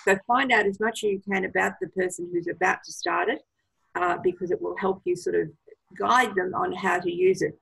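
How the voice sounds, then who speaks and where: Woman, gravelly, husky, enthusiastic product advice, video call. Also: fairly low pitch, steady tone, a little fast, a bit bright, low-quality recording. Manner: enthusiastic, gives advice with many fillers. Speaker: product trainer. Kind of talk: casual presentation on a video call.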